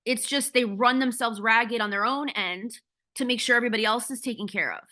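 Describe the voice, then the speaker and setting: A woman's voice: on the high side, fairly quick, bright, forceful tone. A woman coach giving a casual, candid talk on a video call, blunt and swearing freely. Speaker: ADHD coach.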